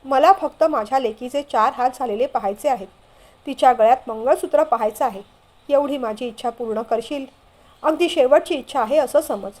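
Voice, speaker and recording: A woman's voice: high voice, moderate pace, darkish tone. A woman reading a frail dying father. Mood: pleading, sorrowful.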